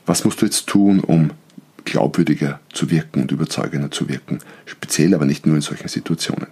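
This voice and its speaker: A man hosting an instructional podcast, explaining persuasion and switching between higher, faster talk and lower, slower talk to demonstrate. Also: dark tone. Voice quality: very deep, gravelly voice. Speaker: podcast host and business coach.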